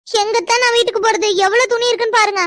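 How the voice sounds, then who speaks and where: A woman voicing a spirited, sharp-tongued young village woman in a cartoon, quick and indignant. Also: very high voice, fairly even intonation, no echo. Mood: complaining. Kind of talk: cartoon voice acting.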